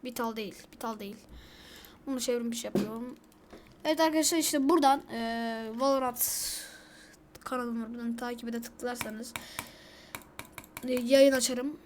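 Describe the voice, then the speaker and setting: Excitable high-voiced woman gaming. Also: moderate pace, long pauses, a little hiss or hum. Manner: excitable, bursts into frantic repeated complaints. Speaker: gaming YouTuber. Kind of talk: casual gameplay commentary.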